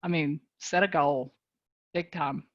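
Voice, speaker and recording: A woman with a warm North Carolina drawl speaks low and folksy, laughing easily as she encourages her listeners. She is on a video call, and her voice sounds dry and a little dull. Her talk is casual, motivational chat. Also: takes it slowly, no room sound. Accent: Southern US, North Carolina. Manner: folksy, animated, laughs often. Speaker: guest speaker, business leader.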